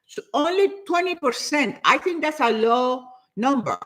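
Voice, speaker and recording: Here a high-voiced woman in her seventies, Spanish by first language, casually discusses fitness with viewers. She's lively, repeats words frequently, and says she's a fast talker.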